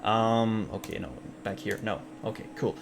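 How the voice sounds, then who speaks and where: In a casual live-stream chat, a young man from Ontario with French as his first language and a French Canadian accent rambles to his viewers, filling gaps with fillers, restarting sentences and reading chat aloud. His fairly low voice has vocal fry and fairly even intonation at a moderate pace. Slight background noise comes through.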